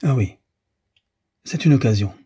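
A man reading the part of a sorrowful, restrained married woman in an audiobook, in a soft, plaintive way, with a dark, husky voice. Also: mid-range voice, expressive, measured pace. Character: grieving, yearning bourgeois wife in her thirties.

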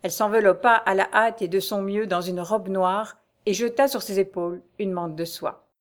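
A woman's voice: mid-range voice, fairly even intonation, moderate pace. Woman narrating an audiobook.

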